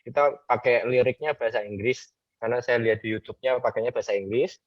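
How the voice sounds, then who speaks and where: A man's voice: medium pitch, fast talker, no room sound. A man casually explaining a group ice breaker on a video call, chanting the lyrics as he demonstrates. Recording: dull lo-fi video call audio.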